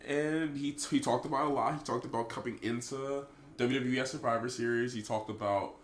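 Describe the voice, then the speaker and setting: A man of medium pitch co-hosts a casual podcast and talks briskly, launching into animated, opinionated rants. A cold leaves his voice stuffy and congested. The echoey room adds a slight hiss or hum.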